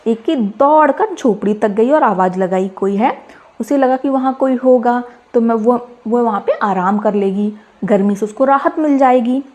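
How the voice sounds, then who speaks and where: Woman teacher, children's story reading, fairly high voice, patient explaining. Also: moderate pace, hardly any pauses, mellow. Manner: retells each line in simpler words, asks listeners questions.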